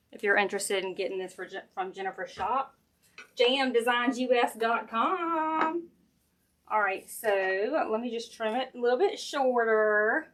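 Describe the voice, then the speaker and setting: A woman with a Southern US accent chats casually and folksily to viewers, thinking aloud while she works on a craft at home. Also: a little high. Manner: chatty, folksy, addressing viewers directly. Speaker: craft maker hosting a live stream. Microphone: sensitive live-stream camera mic.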